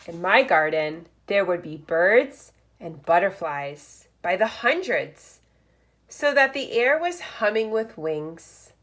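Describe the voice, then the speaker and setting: Female read-aloud teacher for young children: expressive storyteller, unhurried pace, lively melodic range. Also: lowish voice. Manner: expressive, deliberate storytelling with short phrases and asides. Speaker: teacher reading aloud to first graders.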